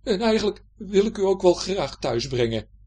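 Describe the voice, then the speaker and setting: A woman's voice: medium pitch, big pitch swings, moderate pace, warm tone, slightly rough, voice pushed up. A woman voicing a timid young male pirate sailor who stammers and pleads in a storybook reading.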